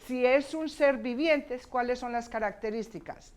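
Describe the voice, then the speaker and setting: A woman's voice: fairly high pitch, normal speed. A woman teacher presenting at a conference. She explains her classroom activities step by step and switches between English and Spanish.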